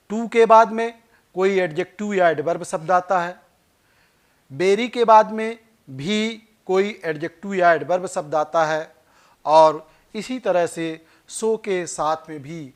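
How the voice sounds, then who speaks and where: Slow, high-voiced Hindi grammar teacher. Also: male voice. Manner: slow explaining, repeats points, reads example sentences slowly. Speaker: English teacher. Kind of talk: classroom grammar lesson in Hindi.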